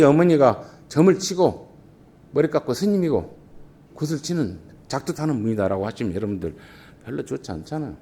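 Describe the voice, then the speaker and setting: A male pastor delivering a Sunday sermon, asking his congregation rhetorical questions and swinging between loud emphatic lines and hushed ones. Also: mid-range voice. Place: church sanctuary.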